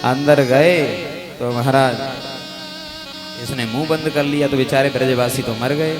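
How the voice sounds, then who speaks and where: A man preaching a devotional sermon, telling sacred stories and sinking his voice low and soft at the ends of phrases. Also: fairly even intonation, a little slow, over music. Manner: storytelling, drops voice low and soft at line ends. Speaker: Bhagavat katha preacher. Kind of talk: devotional sermon with chanted Sanskrit verses. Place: live katha gathering with music accompaniment. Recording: musical instruments playing behind.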